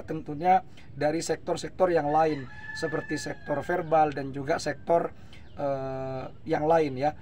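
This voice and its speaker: A slightly hoarse man hosting an explanatory commentary, talking in a measured way with frequent hesitation fillers. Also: on the high side, darkish tone, slight background noise. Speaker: host.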